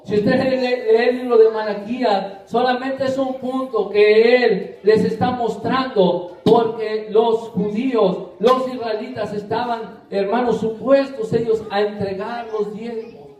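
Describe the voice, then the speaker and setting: A man's voice: extremely high pitch, fairly even intonation, darkish tone. A man preaching a sermon, calling his listeners brothers over and over and stretching his words out for emphasis. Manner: repeatedly addresses listeners as brothers, drawn-out emphatic delivery. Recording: echoey room, voice from a distance.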